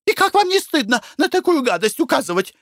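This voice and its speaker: Squeamish lady tourist, shrill and jumpy, put on by a male reader; very high and dry. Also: very animated, fairly quick, no echo, full character voice. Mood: disgusted. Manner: shrill, squealing, easily frightened. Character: fussy squeamish middle-aged Russian lady traveler. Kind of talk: audiobook character reading.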